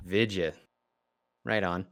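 A tired man, slightly hoarse from yelling, hosting a podcast in casual chat. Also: low-pitched, steady tone, takes it slowly, soft background music. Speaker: podcast host.

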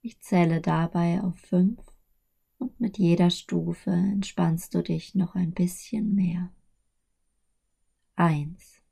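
Woman, sleep-story meditation narrator, very slow pace, mellow dark tone, soothing, soft and hushed. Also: fairly low pitch, steady tone. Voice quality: soft, breathy. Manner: soothing, hushed, often near whisper.

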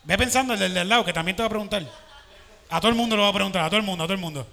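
A man's voice: sits high, very fast, gravelly, pushed and bright. A young man joking and teasing in casual banter as a musician. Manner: joking, teasing, laughs often.

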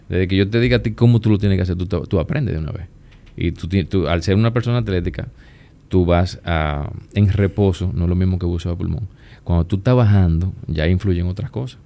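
A man with a Dominican accent, chatting as a guest and telling stories in a relaxed, easygoing way. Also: low voice, vocal fry. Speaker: guest, plastic surgeon. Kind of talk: casual conversation.

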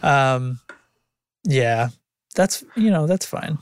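A man's voice: medium pitch, animated, drawn-out words. A man in his thirties co-hosting a podcast, chatting casually and rambling through jokey stories. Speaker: podcast co-host. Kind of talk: casual chat.

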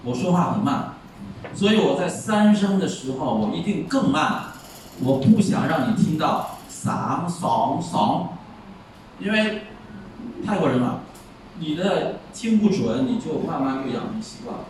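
A man teaching a Chinese class, explaining tones by slowly acting out example words. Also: a little high, sing-song, a little mellow. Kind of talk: classroom lecture. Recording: echoey room, far mic, faint noise.

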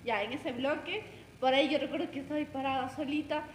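High-voiced young woman in echoey room. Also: fairly even intonation, fast talker. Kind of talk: casual chat.

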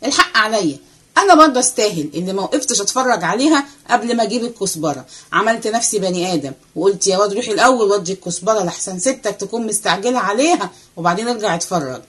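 A woman voicing a restless, cheeky young male servant with an Egyptian accent, chattering fast and excitedly. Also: medium pitch, slightly rough. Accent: Egyptian Arabic. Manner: excited rapid chatter, running commentary.

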